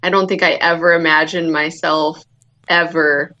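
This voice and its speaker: A modest woman with a South Dakota accent talks about her work as a nurse anesthetist. Her voice sits a little low and she speaks plainly and warmly. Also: flat delivery, moderate pace, muffled recording. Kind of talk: interview answers.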